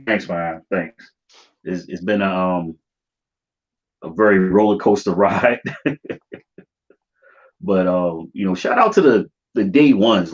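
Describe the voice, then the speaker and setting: A low male voice with an American accent, coming through slightly dull stream audio. He hosts in a loose, slangy way, talking informally to his viewers as if among friends. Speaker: livestream host of a YouTube channel. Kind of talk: casual livestream chat.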